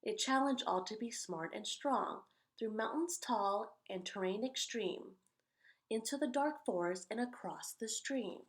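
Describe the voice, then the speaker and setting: Reading children's picture books aloud, this female host stresses the rhymes expressively and chats casually in the gaps. Her pitch is fairly high and her pace a little slow.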